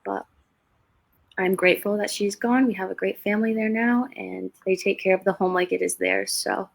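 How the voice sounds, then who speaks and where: A woman's voice: medium pitch, steady tone, normal speed, creaky. A woman in her twenties, a guest on a livestreamed interview, telling her stories in a chatty, easygoing way. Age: 20s. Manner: chatty storyteller, laughs between stories. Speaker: guest, real estate investor. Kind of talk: casual interview over a livestream.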